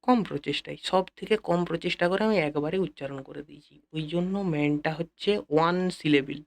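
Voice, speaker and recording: A man teaching an English lesson in a Bengali accent, repeating key phrases slowly and speaking directly to his students. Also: a little high, gravelly. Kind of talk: classroom-style lesson explanation.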